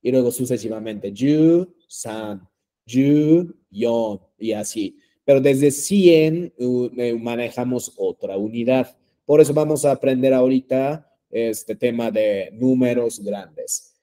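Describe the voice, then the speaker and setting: A man's voice: medium pitch, slow, mellow. A man teaching a language class, patient and repetitive, with many fillers and check-ins. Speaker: Japanese teacher.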